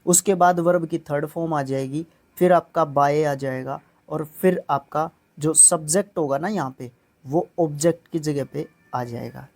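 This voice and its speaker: A male teacher with a warm, mellow tone runs an exam-prep grammar lesson. He explains each step plainly and keeps checking that his students are following. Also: fairly high pitch, unhurried.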